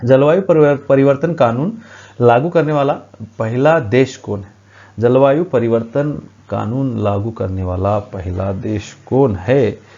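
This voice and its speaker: A man's voice: medium pitch, measured pace, warm tone, dull audio. Man teaching quiz answers at a board. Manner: explains at a board, frequent hesitations. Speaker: current affairs teacher. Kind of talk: exam-prep quiz lesson.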